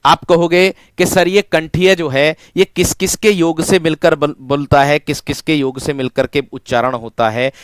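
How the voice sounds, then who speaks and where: Teaching an exam-prep course online, this man speaks clearly and smoothly in a slightly high voice, with fairly even intonation, a moderate pace and few pauses. He calls his students friends, repeats everything, and answers his own questions in a call-and-response style. The sound is close and dry, without echo.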